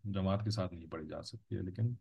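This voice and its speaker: A man's voice: low voice, fairly quick, vocal fry, dark tone, slightly rough. A man teaching a religious lesson in an explanatory lecture style, patiently repeating points and checking that listeners follow. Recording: dull lo-fi recording.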